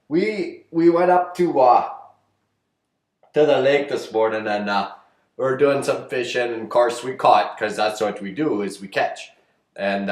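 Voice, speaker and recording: Rambling folksy man. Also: mid-range voice. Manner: rambling folksy delivery with many fillers and restarts. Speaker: comedic vlogger. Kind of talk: deadpan comedic how-to monologue. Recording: echoey roomy sound.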